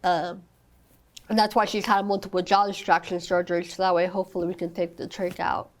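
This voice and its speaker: Young mom on a podcast, earnest, says "i mean" a lot, still a bit sick. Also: female voice, on the low side, little pitch movement, fairly quick. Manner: earnest, many fillers like "I mean" and "you know". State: recovering from illness, occasional cough. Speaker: guest, mother of a child with a rare condition. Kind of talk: podcast interview.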